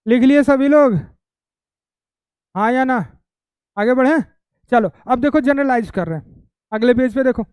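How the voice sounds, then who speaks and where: A man's voice: very high-pitched, unhurried, long pauses, darkish tone, smooth, no echo. A male chemistry teacher giving a classroom lecture, constantly quizzing students, repeating their answers back and teasing them playfully.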